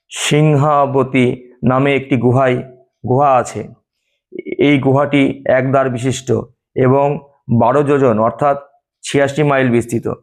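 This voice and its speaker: A man giving a formal, steady scripted narration of a devotional scripture tale. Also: mid-range voice.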